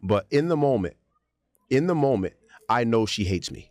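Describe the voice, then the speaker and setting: A man's voice: medium pitch, normal speed, no echo, clean studio sound. A man co-hosting a podcast, telling a story in a casual chat and acting out the voices and sounds in it. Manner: animated storyteller, acts out quotes and sound effects. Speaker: podcast co-host.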